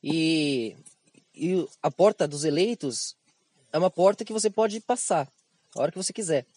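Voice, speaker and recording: A man with a Brazilian Portuguese accent giving an esoteric spiritual monologue as a teacher, animated and slangy, acting out other people's words in raised voices. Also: a little high, moderate pace, no echo.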